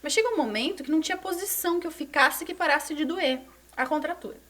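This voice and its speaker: A woman in her thirties from Brazil, a former gymnast telling her story as a podcast guest, animated and repeating words for emphasis. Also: high-pitched, quick pace. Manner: animated, repeats words for emphasis, drops to near whisper at moments. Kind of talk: conversational storytelling. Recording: voice somewhat distant from the mic.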